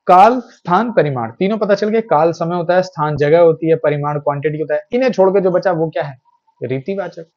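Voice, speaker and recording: A man's voice: on the high side, a little fast, dull audio. A young man teaching a Hindi grammar lesson in a chatty, reassuring way, slipping in English phrases.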